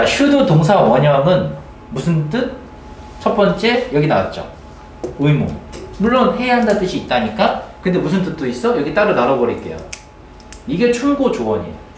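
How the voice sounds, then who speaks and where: A male teacher giving a grammar lecture to a class, often checking in with quick questions. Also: on the high side, slight background noise. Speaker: English teacher. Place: classroom with students. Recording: roomy classroom, mic at a distance.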